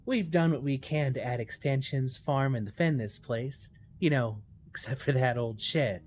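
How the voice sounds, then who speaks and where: A woman reading an audiobook, voicing a laid-back male pony farmer who talks casually, even while chewing. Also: a bass voice, normal speed, voice pushed down. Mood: easygoing. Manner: casual, talks with his mouth full. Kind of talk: audiobook character voice.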